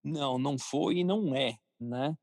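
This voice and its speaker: This mid-range, darkish male voice has no echo and runs at normal speed. A podcast guest with a Brazilian accent who creates cartoons and runs businesses, he responds to interview questions informally and explains as he goes.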